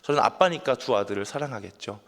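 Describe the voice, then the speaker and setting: A man's voice: medium pitch, expressive, fast. A man in his thirties, a pastor, preaching an earnest sermon and often asking his listeners questions. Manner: earnest, asks listeners questions, builds to emphatic peaks. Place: church sanctuary. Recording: long church hall reverb.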